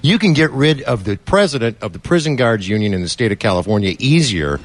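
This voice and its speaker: A man on a radio show making quick, emphatic remarks in casual banter. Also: mid-range voice, animated.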